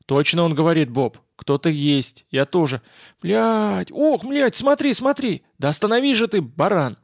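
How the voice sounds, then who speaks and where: A man voicing a coarse, excitable young woman scavenger who curses and shouts in an audiobook. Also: fairly high pitch, normal speed, no echo, clean studio sound, natural voice. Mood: alarmed.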